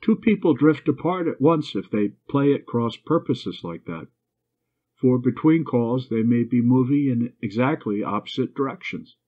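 Man voicing a firm, courteous gentleman; dull lo-fi sound. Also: medium pitch, animated, moderate pace, close to an everyday voice. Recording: dull lo-fi recording.

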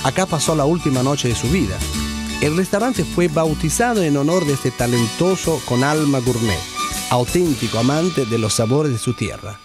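A man's voice: on the high side, wildly swooping pitch, normal speed. A man narrating a scripted travel documentary voice-over. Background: plucked guitar music.

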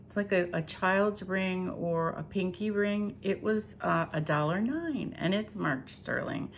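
A middle-aged antique reseller presents her thrift haul in a casual show-and-tell vlog, speaking at medium pitch and without hurry. There's a little hiss or hum on the recording. Her talk is chatty, hesitant and packed with fillers.

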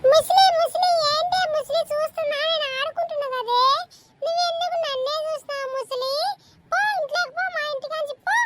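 A woman's voice: extremely high pitch, fairly quick, a little hiss or hum, voice pushed up. A woman voicing a cheeky, whiny little girl in a cartoon who keeps calling for her mother. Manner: whining, calling out "amma" repeatedly. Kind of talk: cartoon voice acting.

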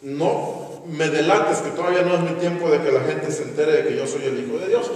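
A calm, commanding holy teacher, put on by a preacher, speaks in a low, hushed voice. A long hall echo and a distant mic surround him. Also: male voice, brisk, lightly acted. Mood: hushing. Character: calm, authoritative male teacher, hushing and firm. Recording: echoey church hall from far off.

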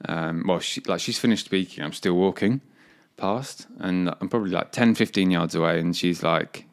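Deep-voiced laid-back English man. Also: normal speed, vocal fry. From England. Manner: laid-back, rambling, laughs while telling stories. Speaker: podcast guest, cricketer. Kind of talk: casual storytelling chat.

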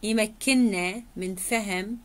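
A woman English teacher with an Iraqi Arabic accent, working through exam answers. She reads English definitions slowly and then explains them in Arabic. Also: medium pitch, steady tone.

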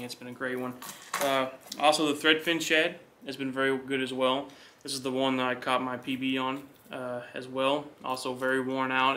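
Bright-voiced young man explaining fishing. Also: mid-range voice, slight background noise. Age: young adult. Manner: quick, relaxed explaining with fillers. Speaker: fishing channel co-host. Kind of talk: casual gear talk to camera. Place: indoor living room.

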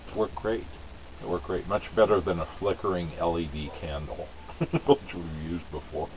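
A man talking with a pipe held in his mouth, musing in a relaxed, rambling way and chuckling between thoughts. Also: deep voice, moderate pace, slight background noise, poor audio. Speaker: pipe-smoking vlogger. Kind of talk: casual rambling monologue to camera.

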